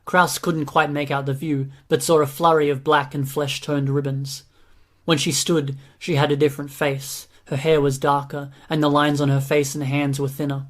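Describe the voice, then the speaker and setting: A man narrating a fantasy audiobook in a steady, even reading. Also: a little high, normal speed. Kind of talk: scripted narration.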